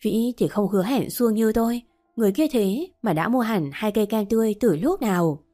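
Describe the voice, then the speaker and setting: A woman narrating a first-person story in a steady audiobook reading. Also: on the high side, fairly quick. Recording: faint background music.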